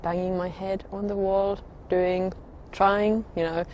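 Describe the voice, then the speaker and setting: Slow, hesitant woman. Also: medium pitch, flat delivery, darkish tone, slight background noise. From Finland. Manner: hesitant, halting, with frequent pauses and fillers. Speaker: religious convert sharing her story. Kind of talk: personal testimony.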